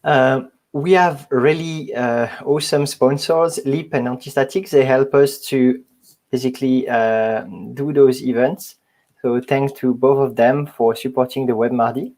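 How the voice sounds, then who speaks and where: A man's voice: medium pitch, steady tone, measured pace, darkish tone. Male meetup host, hesitant intro, video call audio. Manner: hesitant, many fillers. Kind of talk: online event introduction.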